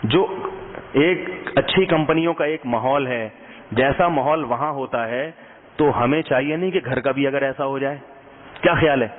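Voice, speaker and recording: A man giving a conversational sermon to a live audience, mixing jokes with advice and often checking that listeners are following. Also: medium pitch. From Pakistan. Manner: humorous, asks the audience questions often. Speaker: Islamic scholar giving a sermon. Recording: tinny phone-like sound with long hall reverb.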